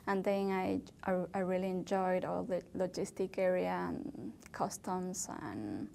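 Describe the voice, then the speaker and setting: A young woman from Ecuador, a native Spanish speaker, answering interview questions in English slowly and hesitantly, with many fillers. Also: fairly low pitch, gravelly, darkish tone, a little hiss or hum. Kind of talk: oral history interview.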